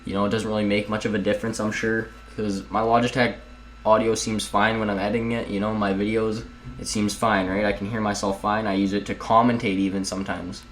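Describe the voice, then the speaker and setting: A young man with a fairly low voice talks through his editing steps at home in a chatty, meandering way. He drifts off topic and keeps turning to his viewers. A faint hiss sits under the voice. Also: flat delivery, a little fast, rough recording. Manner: rambling, chatty, keeps addressing viewers as guys. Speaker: video editing tutorial host. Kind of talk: casual screen-recorded tutorial.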